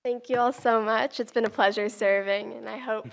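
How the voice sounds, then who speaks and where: A young woman, the student representative on a school board, slowly and gratefully thanking the board at a meeting. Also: on the high side, steady tone, gravelly. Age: young adult. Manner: slow, grateful and warm. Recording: loud clicking noise over the voice.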